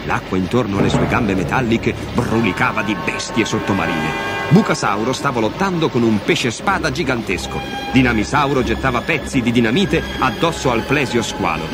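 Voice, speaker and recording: A man narrating a children's story with an expressive, dramatic reading. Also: mid-range voice, moderate pace. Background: music.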